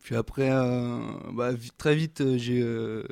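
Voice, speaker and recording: A man's voice: mid-range voice, fairly even intonation, a little slow, darkish tone, clear, resonant tone, dry recording, studio quality. A man in his twenties from southern France, a musician guest talking hesitantly with many fillers and laughs. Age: 20s. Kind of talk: casual interview.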